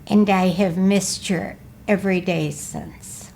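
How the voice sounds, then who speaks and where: Old lady from wisconsin telling her life story, slow and careful, bit of faint hiss behind. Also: medium pitch, steady tone, vocal fry, darkish tone. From Milwaukee, Wisconsin. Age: 80s. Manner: slow, careful, measured recollection, often asking to repeat. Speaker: interviewee. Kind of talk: recorded life-story interview.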